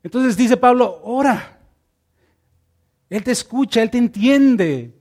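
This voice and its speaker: A man with a notably high voice preaches in an easy, conversational manner. He acts out little exchanges as he goes and repeats key phrases to drive them home, earnest throughout. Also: animated, measured pace, darkish tone. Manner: earnest, repeats words when stressing. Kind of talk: sermon.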